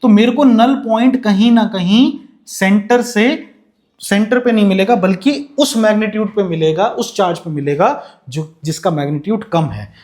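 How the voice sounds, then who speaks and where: A man's voice: high voice, a little mellow. A young man teaching physics in a lecture, calling students "beta" and asking questions he then answers himself. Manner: slows down to dictate notes in English. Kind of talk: classroom lecture with animation.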